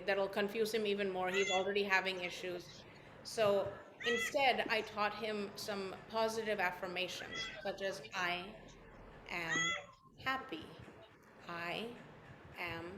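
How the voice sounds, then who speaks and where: A woman yoga teacher talks a workshop group through a story in a gentle voice, easing into soft, hushed repetitions of calming phrases. Her pitch sits at an ordinary middle height. A faint hum of noise runs behind her. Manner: gentle, storytelling, drops soft and quiet on affirmations. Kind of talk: workshop talk with guided repetition. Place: workshop room.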